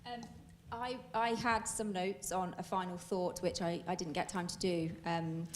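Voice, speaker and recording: A woman's voice: lowish voice, steady tone, measured pace, a little hiss or hum. Hesitant woman on a panel. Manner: thoughtful, hesitant, many um fillers. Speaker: panel speaker. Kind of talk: public panel Q&A answer.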